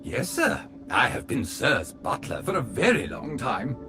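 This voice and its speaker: A man's voice: medium pitch, huge pitch swings, unhurried. An actor voicing a fawning, overly polite male butler robot in a video game, prim and courteous, always addressing his master as sir. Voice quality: prim and exaggeratedly courteous, calls everyone sir. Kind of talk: studio video game voice acting. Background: game music.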